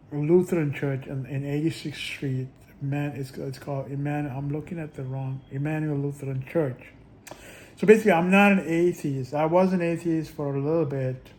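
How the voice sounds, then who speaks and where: A man vlogs in a casual, rambling monologue, often halting, restarting and letting out little chuckles. His voice is a little high and a little mellow.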